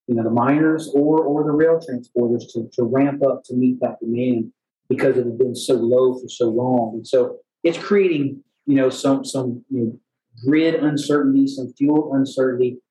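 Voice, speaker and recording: Echoey man presenting to an audience, halting delivery. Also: mid-range voice, fairly even intonation, dark tone. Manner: halting, with frequent repeated words. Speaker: utility company executive giving a presentation. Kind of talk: public presentation in front of an audience, spoken off the cuff. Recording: echoey room with faint background noise.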